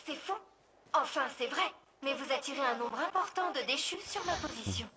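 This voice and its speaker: An actress voicing a sardonic female ship AI with a robotic voice and flat, dry delivery. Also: high-pitched, moderate pace, noisy background. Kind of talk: video game voice acting, dubbed.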